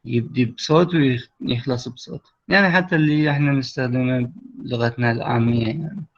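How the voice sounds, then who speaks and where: A man's voice: mid-range voice, brisk. Iraqi man teaching over a lo-fi call. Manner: explains step by step and checks that students follow. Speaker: English teacher. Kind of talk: online class explanation. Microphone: computer mic on a video call. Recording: lo-fi online call audio.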